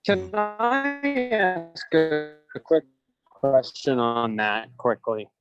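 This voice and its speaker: A man's voice: a little high, extremely slow, highs cut off, over music. A man on a school board meeting, speaking over a remote conference call that breaks up, hesitant and apologetic. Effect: remote conference call audio that breaks up. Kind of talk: meeting discussion. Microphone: remote call line.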